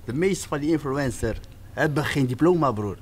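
A man's voice: mid-range voice, lively intonation, normal speed. A man in a casual panel chat, speaking slang, into a podcast microphone. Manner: uses Moroccan-Surinamese influenced Dutch street slang, says 'broer'. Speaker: podcast panel guest, teacher. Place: table in an open indoor café-like room. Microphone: close podcast microphone on a stand.

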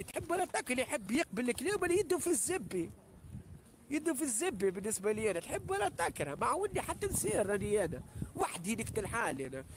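A man's voice: sits high, noisy background. A man with a Tunisian accent, ranting on a live stream and hurling insults, boasting and repeating himself with heavy swearing. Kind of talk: angry live-stream rant.

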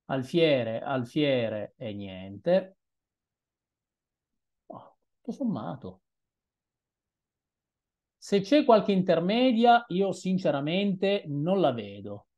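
Slow-talking man musing over moves. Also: fairly high pitch, sing-song, mellow, lo-fi sound. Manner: unhurried, musing, hesitant asides. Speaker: chess streamer. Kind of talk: thinking-aloud game commentary.

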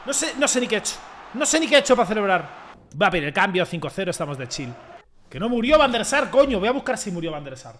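A young man doing loud, joking gameplay commentary and swearing freely. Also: high-pitched, big pitch swings, fast, slight background noise. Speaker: gaming YouTuber.

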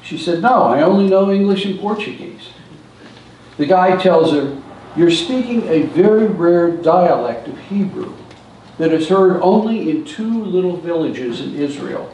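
An older church seminar speaker tells stories expressively and without hurry, his voice high and a touch mellow. He gestures at a lectern in a large, echoey hall, recorded from far off with a faint hiss or hum.

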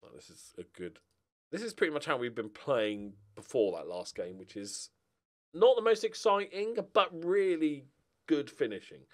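His fairly high voice swings widely in pitch at a normal speed. This middle-aged British streamer plays a football management game with rambling, jokey, casual commentary, thinking aloud as he alternates between muttering and exclaiming.

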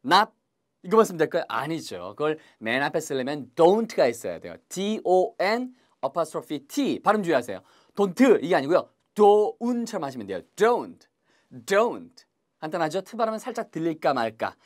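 A man teaching English in a lively video lesson, drawing out English phrases slowly between quick asides. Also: a little high. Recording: faint music underneath.

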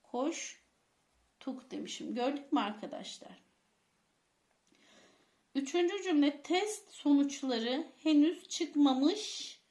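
A woman's voice: high voice, expressive, slow pace, long pauses, darkish tone, echoey room. A woman teacher giving a grammar lesson to schoolchildren, asking them questions and repeating the key points. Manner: addresses pupils as friends, repeats key points, asks quiz questions. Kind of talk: classroom lesson for children.

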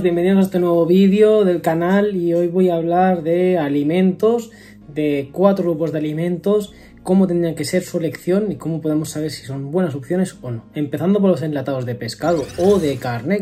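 Mellow-voiced man explaining nutrition tips. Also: a little high. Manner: explains step by step, frequent fillers and self-corrections. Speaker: nutrition vlogger. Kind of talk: casual explanatory vlog. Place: home room with wooden ceiling, indoors.

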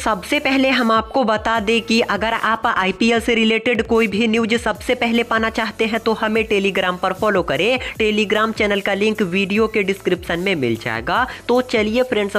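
A man hosting a cricket news channel, reading a scripted sports news roundup in a steady newsreader delivery and addressing viewers as friends. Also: high-pitched.

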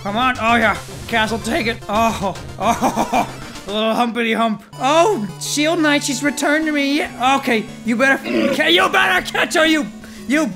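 The excitable tusked-walrus character returns to host another let's play, shrieking and yelping playfully at the game. This time the voice sits high, moves at a moderate pace, and plays over music.

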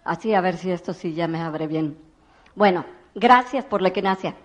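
A woman giving a motivational testimonial, telling humorous stories with lively quoted dialogue. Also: fairly low pitch, normal speed, dull audio. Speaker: speaker giving a testimonial at a networking event. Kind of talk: motivational storytelling talk.

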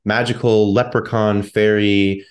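Low-voiced easygoing male podcast co-host. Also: level tone, a little slow. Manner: easygoing, hesitant with fillers. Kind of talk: casual chat.

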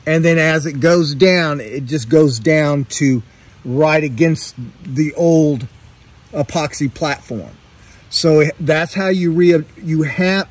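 Husky man explaining boat repair outdoors. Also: on the high side, darkish tone. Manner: plainspoken, hands-on explaining while working. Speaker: boat owner showing repair work. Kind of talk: casual how-to narration. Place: outdoor boatyard, under a hull.

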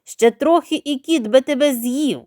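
A strict storybook father rooster voiced by a woman, firm and scolding. He speaks with animated rises and falls, and the voice sounds close and dry. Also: a little high, unhurried, no echo. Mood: stern. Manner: stern, scolding.

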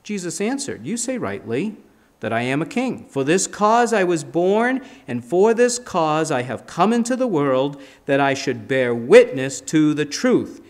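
A man's voice: a little high, very animated, unhurried. A man in his fifties, a pastor preaching a sermon at a church pulpit with emphatic, gesturing delivery. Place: church sanctuary, standing at a pulpit. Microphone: pulpit mic, filmed by a fixed camera.

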